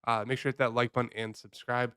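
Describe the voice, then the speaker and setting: Man, sick-sounding voice, smooth and clear tone, dry close sound, rambling casual picks talk. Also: medium pitch, level tone, fast, a bit bright, no room sound. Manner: loose, rambling, conversational delivery. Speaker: fantasy sports host. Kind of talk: casual fantasy football picks breakdown.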